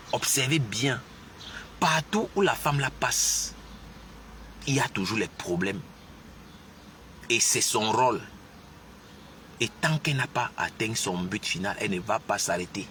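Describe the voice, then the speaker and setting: A man's voice: mid-range voice, pushed and bright, far from the mic, slight background noise. A man giving opinionated live commentary, insisting on his points with repeated rhetorical questions.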